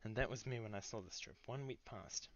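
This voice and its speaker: Deadpan mock-solemn man, low and lo-fi. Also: a little fast. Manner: grandiose, deadpan earnestness with sudden shouted outbursts. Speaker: comedic monologue performer. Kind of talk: mock-solemn dramatic monologue. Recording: dull lo-fi recording.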